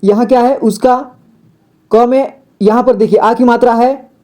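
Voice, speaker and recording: A man's voice: very high voice, steady tone, moderate pace, dark tone. A man teaching a step-by-step reading lesson, patient, repeating words and asking the viewer questions.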